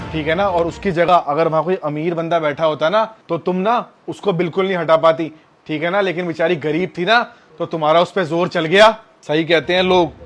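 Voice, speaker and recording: A stern, moralizing tutor, played by a man in a drama skit. His voice is fairly high for a man, and a faint music bed runs under his long scolding speeches. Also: close to an everyday voice. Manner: scolding, lecturing. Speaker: tuition teacher. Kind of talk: short social-drama skit acting.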